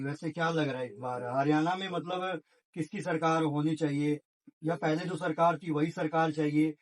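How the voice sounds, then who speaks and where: Loud field reporter, higher voice. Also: male voice, poor audio. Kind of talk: street interview.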